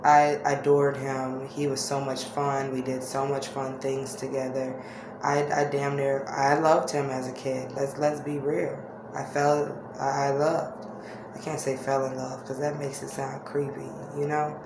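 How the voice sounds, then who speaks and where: Woman w a low flat voice, chatting candid n kinda halting, roomy noisy recording. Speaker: vlogger. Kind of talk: casual personal storytelling to viewers. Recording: echoey room with faint-to-clear background noise.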